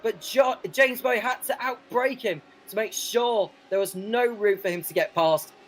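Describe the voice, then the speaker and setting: A man's voice: high-pitched, normal speed, faint music behind. A man doing live race commentary as a motorsport commentator working alongside a partner.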